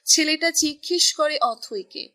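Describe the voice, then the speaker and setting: A romance story is narrated by a woman whose high, bright voice moves a little slowly. She keeps her storytelling steady, with a crisp, scripted feel.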